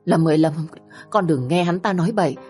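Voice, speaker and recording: A scheming middle-aged stepmother from an audio storybook, voiced by a woman narrator. She pleads in a tearful, insistent way, pitched higher than the narration. Faint music sits underneath. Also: a little fast, darkish tone, lightly acted. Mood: pleading.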